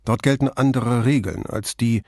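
A man's voice: medium pitch, normal speed, vocal fry, darkish tone, dry recording, close to an everyday voice. Man doing a middle-aged police commissioner, firm, reasoning, blunt, dry close sound. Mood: resigned.

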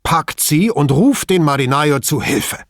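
A man's voice: on the high side, expressive, unhurried, no room sound, clean studio sound, voice pushed up. A man voicing a pompous, agitated male police chief who talks emphatically and indignantly in an audiobook.

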